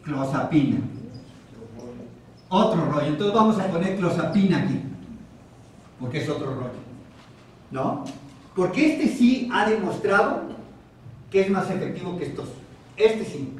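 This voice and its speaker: Mexican male doctor lecturing in a hospital room, high voice, mic far off, heavy echo. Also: big pitch swings, slight background noise. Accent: Mexican Spanish. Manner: asks the audience questions, repeats key terms slowly. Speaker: psychiatrist giving a talk. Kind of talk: psychoeducation lecture.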